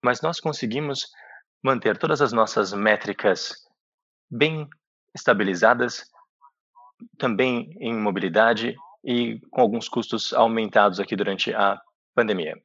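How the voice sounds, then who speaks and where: Man, Brazilian accent, slightly low voice, live business interpreting, halting phrases, roomy conference call sound. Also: fairly bright tone. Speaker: simultaneous interpreter for an executive. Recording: dull, echoey conference call audio.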